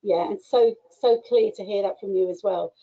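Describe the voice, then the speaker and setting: A woman's voice: mid-range voice, moderate pace, dark tone. A woman hosting an online interview, giving encouraging replies and asking follow-up questions. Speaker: interviewer, event host. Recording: dull lo-fi audio.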